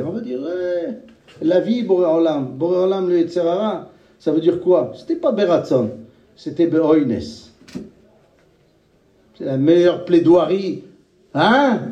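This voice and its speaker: A man giving a sermon. He swings between high chanted calls and low murmured asides, and he chants Hebrew and Aramaic phrases in a sing-song. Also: warm tone, roomy sound, recorded from a distance, muffled recording. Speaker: rabbi.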